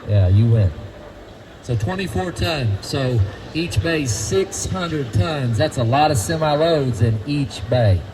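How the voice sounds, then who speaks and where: A man's voice: fairly high pitch, expressive, slow pace, noisy background. A man guiding a group through a feed mill, folksy and quizzing the crowd. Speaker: tour guide at a feed mill. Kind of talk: guided tour talk to a group.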